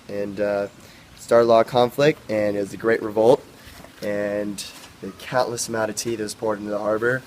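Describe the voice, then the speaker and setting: Halting teen boy mock reporter. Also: on the low side, a little mellow, slight background noise. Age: teens. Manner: halting, full of uh and um. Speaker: field reporter in a school video project. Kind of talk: amateur mock news report.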